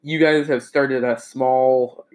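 A man improvising casually as game master of a tabletop game, halting and jokey as he narrates. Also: mid-range voice, steady tone, darkish tone.

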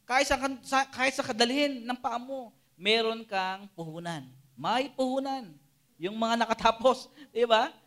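A man preaching to a youth group, animated and always checking in with his listeners. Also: very high voice, unhurried. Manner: animated, keeps asking the listeners "Amen?" and "di ba?". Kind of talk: Taglish sermon to a live and Zoom audience.

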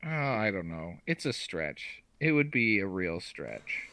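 Hoarse male podcast co-host, lower voice, dry humor. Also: sing-song, takes it slowly, sharp tone, dry recording. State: hoarse, losing his voice. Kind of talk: casual sports podcast chat.

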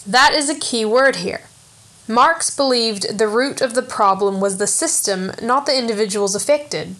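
A woman hosting a podcast, talking through a film analysis in a chatty way with self-aware asides and the odd excited swear. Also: mid-range voice. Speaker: podcast host. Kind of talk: casual film analysis commentary.

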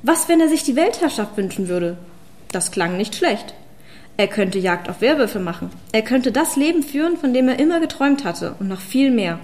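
A woman's voice: fairly high pitch, big pitch swings, normal speed, a little mellow. Woman narrating a fantasy audiobook. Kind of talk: scripted narration.

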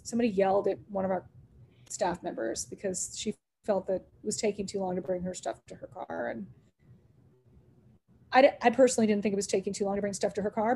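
A woman's voice: mid-range voice, creaky, warm tone, slight background noise. A middle-aged woman who owns a restaurant, telling stories in an interview, acting out quoted dialogue and laughing often. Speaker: restaurant owner. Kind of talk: animated storytelling in an interview.

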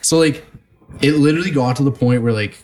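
A man's voice: medium pitch, a little fast. A young man co-hosting a casual podcast chat, telling stories animatedly and packing his talk with "like" and "man". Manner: animated storyteller, heavy filler "like" and "man". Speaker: podcast co-host.

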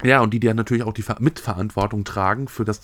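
A man's voice: on the low side, fast talker. A young man co-hosting a casual podcast chat, telling stories bluntly and swearing freely. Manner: blunt, swears, animated storytelling. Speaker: podcast co-host.

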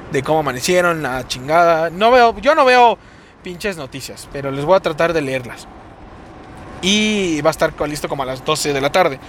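A man's voice: fairly high pitch, a bit bright. A young man with a Mexico City accent, rambling and cursing casually through a solo podcast while driving his car. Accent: Mexico City Spanish. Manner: rambling, profane, sing-song delivery. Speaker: podcast host. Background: car and road noise.

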